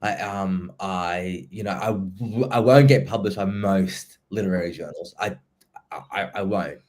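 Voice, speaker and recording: A man, hosting a relaxed podcast conversation. His voice sits low. He speaks haltingly, stopping and restarting as he works his thoughts out loud. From Somalia. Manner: halting, with frequent restarts and repeated words. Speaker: podcast host, writer and poet. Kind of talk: casual conversational interview.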